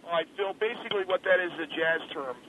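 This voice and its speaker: A man's voice: high voice, fast talker. A man calling in over the telephone, a rock drummer talking casually and getting defensive, full of slang. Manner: laid-back, defensive, slangy, says "man" and "dude". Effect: heard over a telephone line. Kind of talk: casual on-air phone chat. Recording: noisy narrow phone line.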